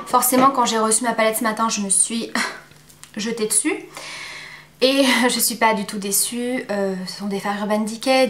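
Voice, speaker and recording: A woman giving a casual, chatty makeup review at home, pausing often on fillers. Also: on the high side, roomy sound. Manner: chatty, many filler pauses. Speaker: beauty vlogger.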